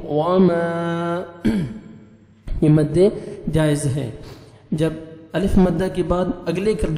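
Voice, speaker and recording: A man's voice: fairly high pitch, mellow. Man teaching Quran recitation in an echoey room. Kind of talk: spelling out and reciting verses with tajweed rules.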